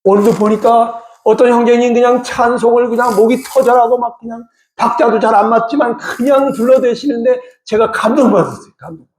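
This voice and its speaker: A man's voice: very high voice, steady tone, brisk, darkish tone. A middle-aged male pastor preaching a sermon emphatically and often putting rhetorical questions to the congregation. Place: church sanctuary. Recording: echoey church hall.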